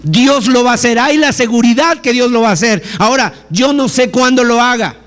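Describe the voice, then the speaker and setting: A Mexican preacher with a strikingly high voice delivers a fervent sermon. He keeps asking his listeners questions and acts out pleas to God as he goes. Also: brisk, a bit bright.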